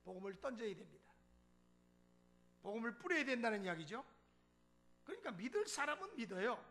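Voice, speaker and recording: Preaching in a church sanctuary, a pastor tells a story and acts out its dialogue in an animated way, chuckling as he goes. His voice is extremely high-pitched and brisk, with vocal fry.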